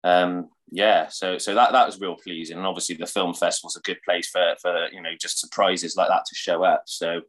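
Very deep-voiced man, enthusing. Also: level tone, normal speed, few pauses, fairly bright tone, poor audio. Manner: enthusiastic, hedging with 'sort of' and 'like'. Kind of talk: casual chat.

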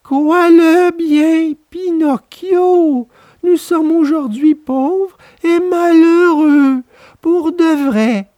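Woman as whining old fox, high, slow drawl, storybook. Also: warm tone, no echo, studio quality, full character voice. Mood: pleading. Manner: whining, drawn-out pleading. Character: old mangy male fox, whining beggar. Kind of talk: storybook reading.

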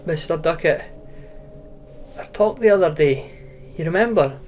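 A man's voice: on the high side, expressive, unhurried, a little hiss or hum. An actor playing a feverish young man tormented by a haunting voice, pleading urgently. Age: young adult.

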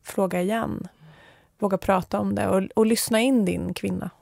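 A woman's voice: mid-range voice, fairly even intonation, gravelly, darkish tone, no echo, studio quality. A woman speaking as a guest in an interview, direct and frank. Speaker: guest expert. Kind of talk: conversational interview.

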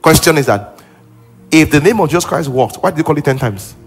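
A man's voice: on the high side, expressive, a little fast, slightly rough, soft background music. A male pastor preaching a sermon with emphasis, repeating key lines and acting out what people say.

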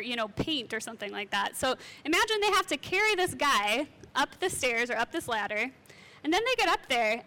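A young woman leads a casual Bible lesson in a talkative, friendly-explainer way, full of asides. Her voice sits high and sounds bright and forward. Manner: chatty and conversational, with laughs and asides. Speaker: youth Bible teacher.

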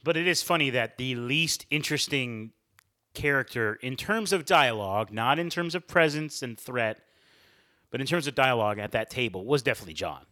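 A man's voice: mid-range voice, animated, moderate pace, pushed and bright. A young man hosting a casual podcast chat with friends. He is upbeat and talkative and laughs often. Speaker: podcast host.

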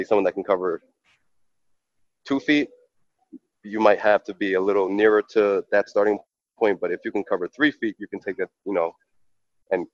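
A professional goalkeeper from New York gives interview answers in a very deep voice, earnest and reflective, pausing on fillers and restarting often. The recording is dry with little room sound and slightly dull in the highs.

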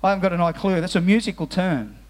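A man preaching in a church hall, his voice sitting high for a man. He talks earnestly, stumbles and repeats words as he restarts, then slows and sinks soft on the solemn lines. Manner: drops to slow, soft tones on solemn phrases. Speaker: pastor. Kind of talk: sermon. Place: church hall with musicians present.

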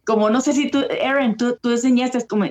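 A woman's voice: fairly high pitch, steady tone, quick pace, darkish tone. A woman from the United States with a Chicano accent, chatting casually on a livestream and mixing English words into her Spanish. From United States, born in Texas and raised in California.

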